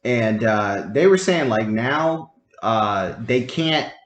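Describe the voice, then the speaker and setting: A man's voice: medium pitch, expressive, takes it slowly. A young man co-hosting a podcast in casual chat, rambling with many fillers and laughing often. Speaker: podcast co-host. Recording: roomy echo.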